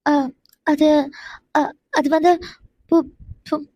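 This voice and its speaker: A woman's voice: sits high, flat delivery, extremely slow, mellow, no echo. A woman voicing a shy, easily embarrassed young wife in a cartoon, fretful and exclamatory, stammering when bashful. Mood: shy, protesting. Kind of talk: animated cartoon voice acting.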